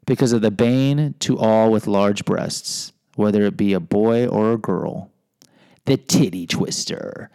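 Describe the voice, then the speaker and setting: A middle-aged American man, a podcast host and teacher, reads a personal memoir filled with rambling, self-deprecating asides. His fairly low voice is smooth, dark and unhurried, recorded with no echo.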